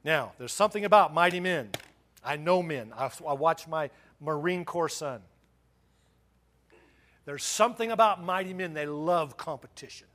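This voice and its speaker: Brief: middle-aged male pastor, high-pitched, fervent sermon delivery with stumbling repeats. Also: animated, normal speed, fairly bright tone. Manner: impassioned, repeats words and restarts, chuckles between points.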